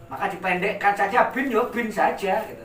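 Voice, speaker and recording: A man with an Indonesian accent leads an informal recitation lesson, stretching syllables slowly and repeating each word for his pupils. His voice is fairly high and bright. He sounds a little far from the mic, in an echoey room with faint background noise. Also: lively intonation. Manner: drawn-out demonstrative recitation, repeating words for pupils. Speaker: Quran recitation teacher.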